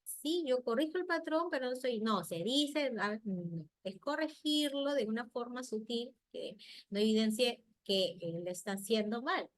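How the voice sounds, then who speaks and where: A middle-aged woman, a speech therapist giving a lively health talk on child language. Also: on the high side, unhurried, no room sound. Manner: lively, acts out parents' and children's voices.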